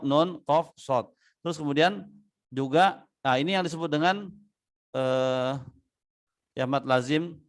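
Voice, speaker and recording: A man teaching tajwid in a relaxed, conversational way. He fills his talk with "ya", quizzes his students and drawls out the letters he is teaching. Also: fairly high pitch. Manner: explains step by step, asks students questions, many "ya" fillers. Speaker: Quran recitation teacher. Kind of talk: casual tajwid lesson with chanted examples. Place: online class or recorded study session.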